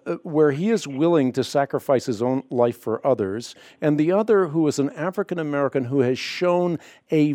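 Male call-in host, mellow dark tone, dry studio sound, firm and measured. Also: medium pitch, no echo. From Netherlands. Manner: measured, firm, repeatedly interjecting. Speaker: radio show host. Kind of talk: call-in radio talk. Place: radio studio. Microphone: studio microphone.

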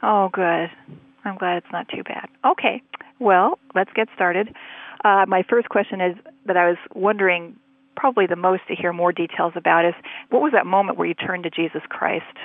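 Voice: mid-range voice, normal speed, no echo. An interviewer asking earnest, wordy questions. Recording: tinny phone-like line.

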